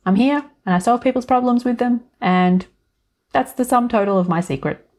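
A woman's voice: a little high, moderate pace, pitched above the performer's own voice, natural voice. A woman voicing a bubbly, cheerful young woman with a breezy, playful way of talking. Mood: perky. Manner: bright, playful, chirpy.

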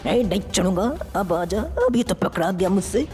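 A woman's voice: mid-range voice, lively intonation, normal speed, a little mellow, lightly acted. A woman voicing an eager young alien-changing hero. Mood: determined. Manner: eager, earnest, talks to himself while acting. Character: brave young male hero who turns into aliens. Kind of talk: fan-made game story dub. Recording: reverberant with faint music.

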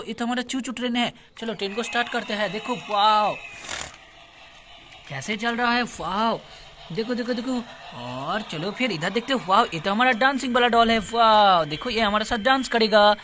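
A man hosting a toy channel, narrating his toy play for children with excited, repeated exclamations. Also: high voice, normal speed, a little hiss or hum.

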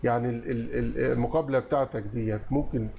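Egyptian guy going over english test answers, slow careful reading then fast explaining. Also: medium pitch, steady tone, gravelly, dark tone. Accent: Egyptian Arabic. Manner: reads English sentences slowly, explains quickly in Arabic. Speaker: English teacher.

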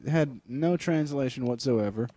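A young man co-hosting a casual comedy podcast with quick, bro-ish banter. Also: medium pitch, warm tone, no room sound. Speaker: podcast co-host. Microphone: podcast microphone.

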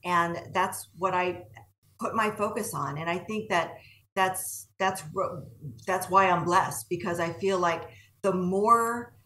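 A woman's voice: lowish voice, slow, sharp tone. A woman answering interview questions in an earnest way, often repeating words as she searches for them. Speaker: guest entrepreneur. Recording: echoey room heard from a distance.

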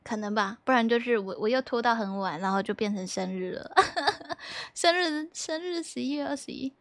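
A young woman streams from home and chats loosely with her viewers, reading their messages aloud. Her voice sits a little high and she giggles through her lines, playful and teasing. The sound is dry and close on a desk mic with no room echo. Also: normal speed. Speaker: livestreamer. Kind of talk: casual chat with viewers.

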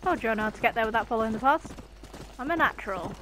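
A young woman giving excitable, casual gameplay commentary, full of swearing and jumpy yelps. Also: fairly high pitch, quick pace, noisy background. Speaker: gaming channel host.

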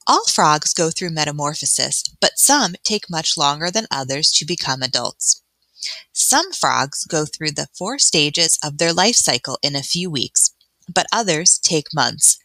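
An elementary school teacher reads an educational children's book aloud, adding her own explanations in a clear, expressive, instructional manner. Her voice is low-pitched, and there's no room sound.

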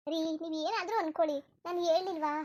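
A woman's voice: extremely high pitch, darkish tone. A woman voicing a lazy, sleepy young wife in a cartoon, complaining and stubbornly refusing to get up. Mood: whiny. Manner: complaining, stubborn, rapid-fire. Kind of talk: cartoon voice acting.

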